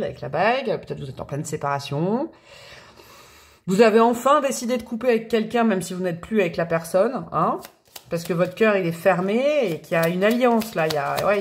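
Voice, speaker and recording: A woman giving a casual, chatty tarot reading to her viewers, expressive and laughing often between her thoughts. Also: mid-range voice. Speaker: tarot card reader.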